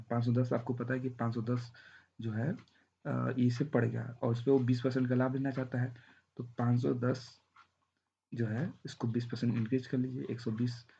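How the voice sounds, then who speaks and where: A man's voice: mid-range voice, creaky, warm tone, breathy edge, highs cut off. A man teaching a math lesson with a sore throat, walking through the arithmetic step by step and checking in often. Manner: walks through arithmetic step by step, often saying "thik hai".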